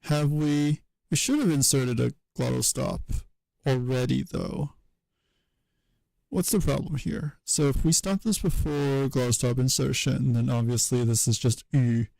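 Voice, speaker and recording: A man streaming as he works through a linguistics problem, thinking aloud in a hesitant, wry way with many pauses. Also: medium pitch, vocal fry, warm tone, no room sound. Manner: hesitant self-talk with many pauses and fillers.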